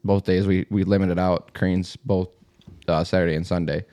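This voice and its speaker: A man's voice: deep voice, moderate pace. A man hosting a podcast, talking casually and telling stories with plenty of swearing. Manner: profane, animated storyteller. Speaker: podcast host. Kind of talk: casual chat. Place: lives in South Dakota.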